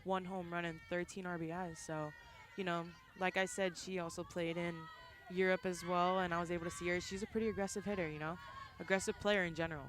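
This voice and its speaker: A woman with a New Zealand accent doing color commentary at a softball game, chatting easily, laughing often and giving player stats. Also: fairly low pitch, level tone, brisk. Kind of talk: live sports color commentary.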